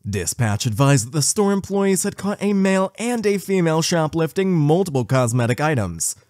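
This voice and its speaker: A man giving scripted narration in a flat, factual reporting manner. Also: fairly high pitch, moderate pace, no echo, clean studio sound.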